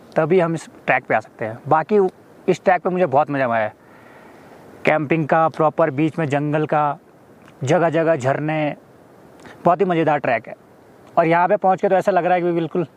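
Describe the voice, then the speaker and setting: Trekker, man, somewhat high voice, unhurried and reflective, talking to camera outdoors. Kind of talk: casual outdoor talk to camera. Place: outdoors on a mountain ridge.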